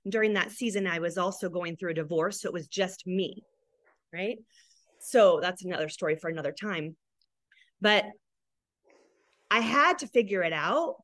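A woman's voice: fairly low pitch, lively intonation, moderate pace, pauses often, no room sound. A woman in her thirties or forties, a guest on a podcast, talking in an enthusiastic, heartfelt way about building her business as a mom. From Arizona, USA. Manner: warm, emotional, tearful while telling her story; enthusiastic, upbeat. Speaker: guest, business coach for moms. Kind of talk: casual podcast interview.

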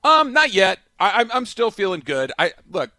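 A man's voice: sits high, sing-song, normal speed, bright, forceful tone, dry recording. Male sports radio host, promo-ready, dry studio sound. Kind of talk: casual sports radio chat with scripted radio contest promo reads.

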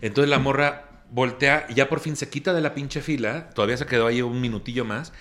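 A man's voice: medium pitch, a little fast, fairly bright tone. A man with a Mexican accent telling a comic story on a podcast, ranting and swearing freely. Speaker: podcast host.

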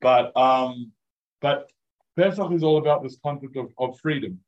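A man with a medium-pitched voice speaks at normal speed on a muffled recording. He's a rabbi teaching a class, giving an informal lecture to a live group of students. His delivery is casual and chatty, packed with "like" fillers and frequent questions to the room.

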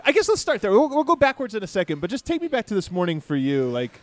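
A man's voice: high-pitched, huge pitch swings, quick pace. A man hosting a casual sports podcast, with an upbeat, announcer-like way of introducing things. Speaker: podcast host. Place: bar under construction.

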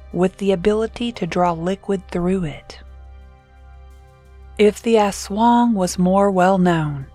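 A woman reading a scripted horror story in a slow, measured way, drawing out the suspense. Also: on the low side, darkish tone. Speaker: narrator.

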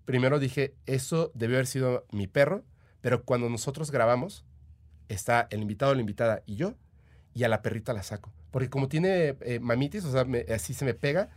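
A man with a Mexican accent talks as a podcast guest, telling his stories in loose, eager chat. His voice sits at an ordinary middle pitch, and he fills his pauses with small verbal fillers. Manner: chatty, eager, full of "o sea" and "este" fillers. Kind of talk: casual storytelling.

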